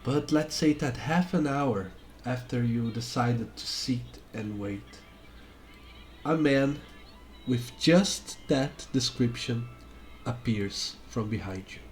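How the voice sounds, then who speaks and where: Slow, halting man narrating a tabletop game. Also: medium pitch, a little hiss or hum. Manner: halting, repeats words as he improvises. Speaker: game master.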